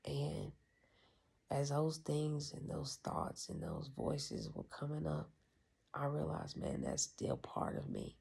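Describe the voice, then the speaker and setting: A vlogger giving a candid, profane personal recap in a hushed, often half-whispered voice, reflective and frank. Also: mid-range voice, gravelly, slightly rough.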